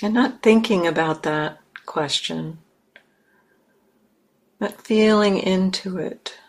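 A meditation teacher with a lowish voice guides a meditation, speaking in short, measured phrases separated by pauses.

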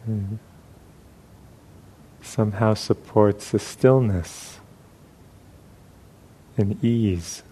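A man guides a meditation as a teacher, speaking gently and slowly with long pauses. His fairly low voice is husky and steady in tone.

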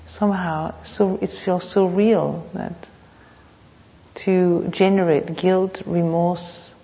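Muffled echoey hall recording, low creaky woman w teaching meditation, thinking out loud in bits. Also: fairly even intonation. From Thailand. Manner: reflective, halting, with pauses and repeated phrases. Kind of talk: unscripted dharma talk.

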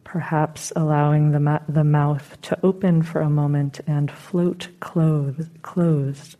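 Gentle, unhurried guidance comes from a female meditation teacher leading a meditation. She speaks in a low voice with a steady tone, keeping things soothing.

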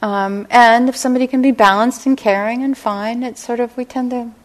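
A middle-aged woman teaching a meditation class, speaking gently and unhurriedly and often checking in with her listeners. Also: a little high, steady tone. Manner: gentle, unhurried, lots of "right?" and "you know". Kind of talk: dharma talk to a class. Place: meditation hall.

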